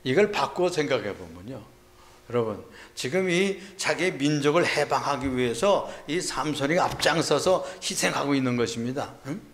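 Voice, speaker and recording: A middle-aged male pastor preaching a Sunday sermon, retelling a story and acting out the shouts of its people. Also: mid-range voice, expressive, moderate pace.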